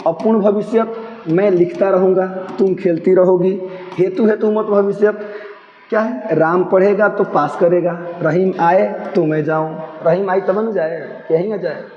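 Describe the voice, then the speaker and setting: High-voiced teacher in an echoey room. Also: male voice, fairly even intonation, a little slow, slight background noise. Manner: playful, asks himself questions in a higher voice. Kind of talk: grammar lesson for students. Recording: echoey room, dull lo-fi sound.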